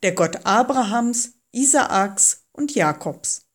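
Storybook: God from the fire, solemn, commanding, slow, read by a woman. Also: mid-range voice, lively intonation. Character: God speaking from a burning bush, calm and commanding.

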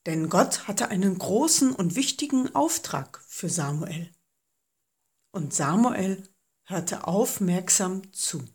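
Slow, gentle woman telling a children's story. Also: mid-range voice, expressive, husky. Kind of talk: children's Bible story reading.

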